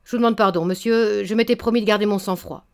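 A woman's voice: mid-range voice, brisk, darkish tone, lightly acted. A woman reading aloud, voicing a proud old male baron who scolds a young man indignantly and stammers in his anger. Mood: cold, businesslike. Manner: indignant, stammering then thundering.

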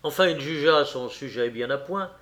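A man narrates a classic adventure novel with theatrical expression. His voice sits a little high for a man. He reads at a steady storytelling pace. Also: moderate pace.

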